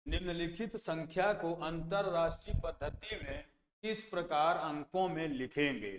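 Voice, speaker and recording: A man's voice: a little high, moderate pace. A male math teacher, teaching an exam-prep lesson and repeating place values as he asks and answers his own questions. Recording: echoey room with long reverb, faint background noise.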